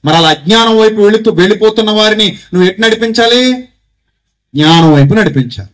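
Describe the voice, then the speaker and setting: Delivering a Christmas message in a Telugu accent, this pastor urges his congregation on with rhetorical questions and has them echo phrases back to him. He speaks a little fast in an expressive, high-pitched, fairly bright voice.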